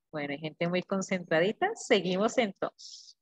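A woman's voice: on the high side, fairly bright tone. A woman teacher, giving a class lecture. She explains patiently, repeats the key words and checks in with her students.

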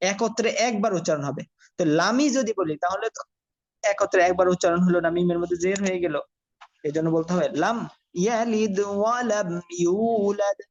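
A woman teacher leads a recitation lesson, stretching each recited verse out slowly and then explaining in brisker speech. Her voice sits at a middling pitch. The audio is dry and a little dull, like lo-fi online class audio. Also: no room sound. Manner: slow drawn-out recitation between quick explanations.

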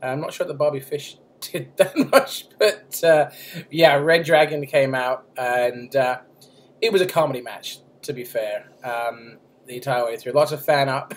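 A man's voice: mid-range voice, unhurried. Crude joking man on a podcast. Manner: crude, joking, laughs often. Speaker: podcast co-host. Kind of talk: casual crude chat.

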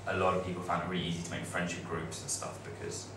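This young man talks fast in a low, gravelly, steady voice, loosely addressing fellow students as part of a study-abroad panel, with lots of fillers and restarts. Recorded by a far camera in a classroom with a projector screen, the sound is noisy and reverberant.

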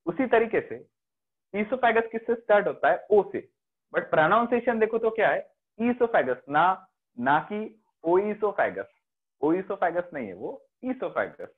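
The online biology teacher here has an Indian accent and a high, sing-song voice with a breathy edge, delivered a little slowly. He mixes Hindi with English and regularly confirms students understand, and the class audio comes through a video call with a phone-like quality.

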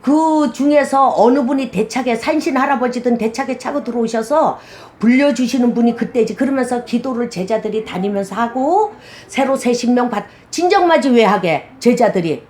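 A woman's voice: a little high, lively intonation, moderate pace, darkish tone. A middle-aged woman, a shaman, talking bluntly and animatedly in a casual interview, often acting out quoted dialogue.

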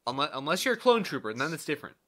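A man gives joking gameplay commentary in a bright, slightly high voice. He is highly animated and sarcastic, overplaying his exclamations with mock exasperation. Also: very fast. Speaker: gameplay video host.

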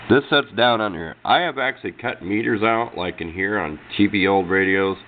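On muffled, noisy amateur camera audio, a hobbyist walks through a radio demonstration with a casual, hands-on explanation. He speaks a little fast in a fairly low voice, rambling along in a folksy, informal way.

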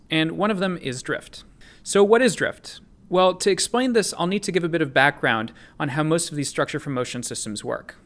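A man's voice: fairly high pitch, a bit bright. A young man presenting his research paper in a recorded conference talk, explaining step by step and answering his own questions.

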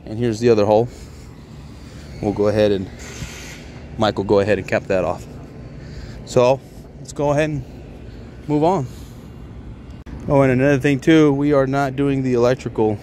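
On a commercial rooftop, an HVAC contractor explains his job in a plain, informal walkthrough, talking at a moderate pace and pausing often. His voice is mid-range with a dark tone, captured outdoors on a handheld recorder amid ambient noise.

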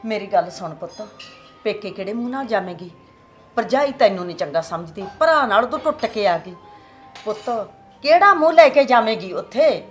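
A woman's voice: high-pitched, moderate pace, faint music behind, natural voice. A woman playing a tearful pleading mother-in-law. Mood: soothing. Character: tender older mother-in-law, anxious, pleading. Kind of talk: family drama acting.

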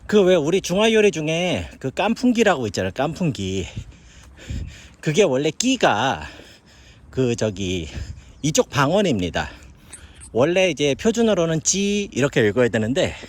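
A middle-aged Korean man chatting casually as he walks up a hillside park, musing aloud about the places he sees. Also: fairly high pitch. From South Korea. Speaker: vlogger living in China. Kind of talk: casual walking commentary.

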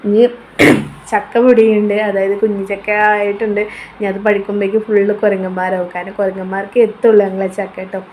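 A woman's voice: medium pitch, little pitch movement, fairly quick, slight background noise. A woman, chatting casually in her vlog and giving motherly advice. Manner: chatty, keeps adding a tag word, warm motherly advice. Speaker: vlogger.

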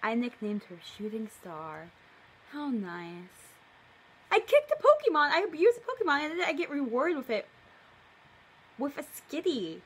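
With a high voice and wildly swooping pitch, a young adult woman reads her own story on camera at a measured pace, leaving long pauses. This video creator, filming indoors in her living room, keeps cutting in with playful, mock-indignant asides.

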